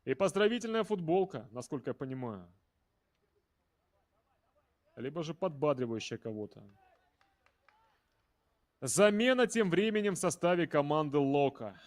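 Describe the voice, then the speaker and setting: A man's voice: a little high, big pitch swings, moderate pace, pauses often. A man giving live football commentary in a conversational way, talking directly to viewers and players.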